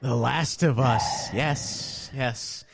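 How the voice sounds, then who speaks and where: A man's voice: medium pitch, very slow, gravelly, slightly rough, no room sound, clean studio sound. A man hosting a casual podcast who laughs often and opens with a formal announcer greeting. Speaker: podcast host.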